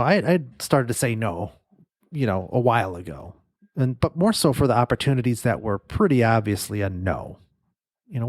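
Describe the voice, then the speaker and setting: Speaking at a mid-range pitch with a darkish tone and no echo, this nasal-voiced agency owner runs his own solo podcast. His delivery into the studio mic is loose and rambling, full of fillers and false starts.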